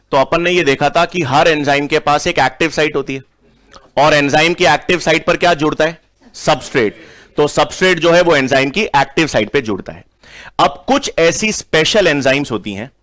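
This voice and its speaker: A man's voice: fairly high pitch, fairly bright tone. A man from India teaching a biology class, chatty and joking, asking questions and answering them himself. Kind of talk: live online class lecture.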